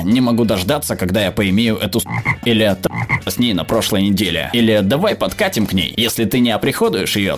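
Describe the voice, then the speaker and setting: A man reading viewer comments aloud as scripted narration, voicing the quoted people as he goes. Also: fairly low pitch.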